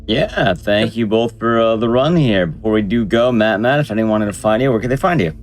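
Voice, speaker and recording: Low-voiced man hosting over music. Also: lively intonation, fairly quick. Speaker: speedrun show host. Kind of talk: casual hosting announcements.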